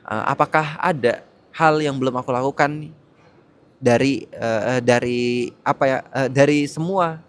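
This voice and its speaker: Humble gentle elder, plain apologetic delivery, read by a male storyteller. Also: medium pitch, measured pace, long pauses, lightly acted.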